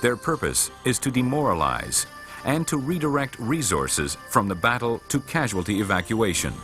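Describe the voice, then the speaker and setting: A man with a somewhat low, slightly bright voice narrates a military training film from a script. His delivery of the instructions is measured, formal, and matter-of-fact.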